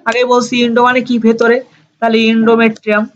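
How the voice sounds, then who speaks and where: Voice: medium pitch, completely flat delivery, brisk, muffled recording. A teacher giving a lecture on medical terms, who keeps asking questions and answering them himself and repeats each key term. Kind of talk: classroom-style lecture.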